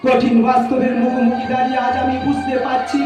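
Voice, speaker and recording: A man's voice: extremely high pitch, completely flat delivery, quick pace. A man on stage playing a proud young unemployed man torn by love, delivering long declamatory lines. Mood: bitter. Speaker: stage actor. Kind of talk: live folk-theatre melodrama. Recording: echoey live stage from far off. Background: music and audience.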